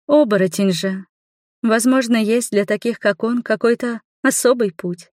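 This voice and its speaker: A woman voicing a stern, ancient female swamp spirit who speaks slowly and coldly. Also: fairly high pitch, darkish tone, no echo, clean studio sound, pitched above the performer's own voice, natural voice.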